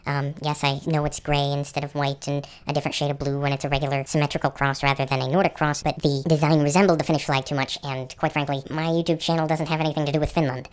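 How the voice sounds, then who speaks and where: Man, helium-style pitched-up chipmunk effect, casual explainer narration, conversational host. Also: little pitch movement, fast talker, hardly any pauses, clean tone. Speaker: channel host presenter.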